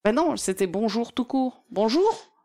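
A woman's voice: a little high, lively intonation, unhurried, warm tone. A woman co-hosting a podcast in casual chat, rambling and hesitant with a self-mocking streak. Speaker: podcast co-host.

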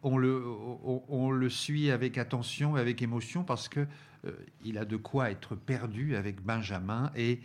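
A man's voice: mid-range voice, moderate pace, a little mellow. A man reviewing DVDs on a talk show, speaking with many hesitations, fillers and restarts. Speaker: film reviewer presenting a DVD selection. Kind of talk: radio-style review chat.

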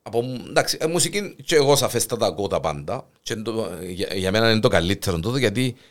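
A man's voice: fairly low pitch, lively intonation. A man with a Cypriot Greek accent hosting an interview, prompting his guest with many fillers. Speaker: host, interviewer. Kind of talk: casual interview.

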